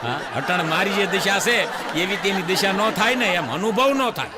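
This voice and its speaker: A man's voice: high-pitched, lively intonation, moderate pace, long reverb tail, over a noisy crowd, very noisy. A man telling stage jokes in a folksy, storytelling way. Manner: folksy storytelling, frequent "he says" asides. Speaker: stand-up comedian. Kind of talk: stand-up joke telling. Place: stage program.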